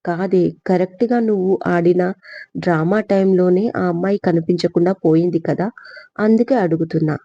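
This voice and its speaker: A woman's voice: on the low side, fairly even intonation, moderate pace, warm tone, no echo, dull audio. A woman voicing a stern middle-aged mother who scolds and warns her daughter. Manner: reproachful, warning.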